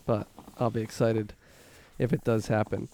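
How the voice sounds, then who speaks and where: A man's voice: lowish voice, flat delivery, moderate pace, mellow, slight background noise. A man hosting a casual sports talk, asking questions and bantering in a hesitant, wry, teasing manner. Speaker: host of a fantasy football league podcast.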